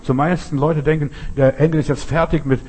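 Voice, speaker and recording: A man preaching with a husky, slightly breathy voice. He speaks earnestly and addresses each listener directly. He drives his points home by repeating key phrases. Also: a little high, steady tone, a little fast, warm tone. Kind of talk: sermon.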